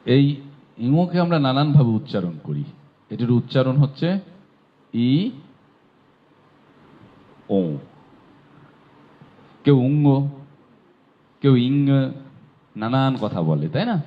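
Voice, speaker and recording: A man teaching pronunciation who sounds out each word slowly and says it again and again. His pitch rises and falls in a lively way. The audio is dull and lo-fi. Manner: slow, drawn-out demonstration of sounds. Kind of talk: recitation pronunciation lesson.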